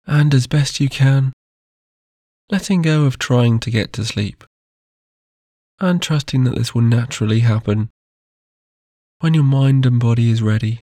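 A man guiding a sleep meditation in a slow, soft, soothing way. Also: medium pitch, no room sound, clean studio sound.

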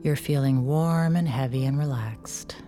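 A woman with a low voice narrates a guided relaxation in the manner of a sleep story. Her delivery is soothing and unhurried, with gentle pauses between instructions. Music plays behind her.

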